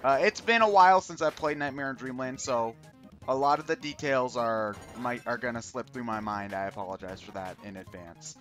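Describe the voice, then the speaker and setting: Man, stream host, casual game commentary, halting and self-correcting, mid pitch, faint game music behind. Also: fairly bright tone. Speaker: host of a charity gaming stream. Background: video game music.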